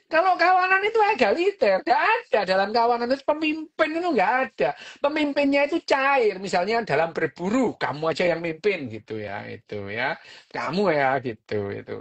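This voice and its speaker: A woman, hosting a podcast and explaining a book in a casual, chatty way, full of fillers and little jokes. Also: medium pitch.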